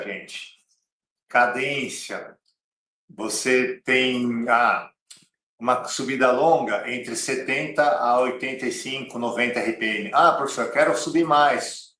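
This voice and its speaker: A man's voice: mid-range voice, a bit bright, slight background noise. A man with a Brazilian Portuguese accent teaching an online cycling lesson, direct and repeating key phrases like a coach. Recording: roomy, slightly distant mic.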